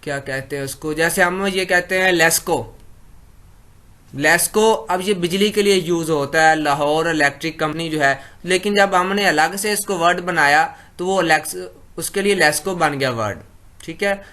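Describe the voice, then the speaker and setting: A man from Pakistan giving a lecture. He reads English definitions slowly, then explains them in conversational Urdu. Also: on the high side, pushed and bright.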